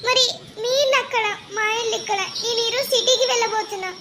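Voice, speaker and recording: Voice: extremely high pitch, fairly even intonation, quick pace, heavy background noise. A voice actor doing Lary, a sweet cartoon schoolgirl. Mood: gentle consoling. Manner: gentle, consoling.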